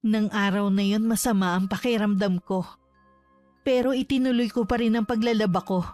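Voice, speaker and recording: A woman narrating a horror story in a steady, measured voice. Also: medium pitch. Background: faint background music.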